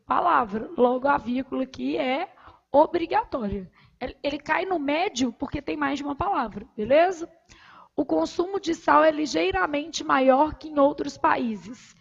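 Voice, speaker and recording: A woman with a Brazilian Portuguese accent teaching grammar, asking the class questions and answering them herself, and counting syllables aloud slowly. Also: sits high, gravelly, lo-fi sound. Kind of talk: recorded grammar lesson.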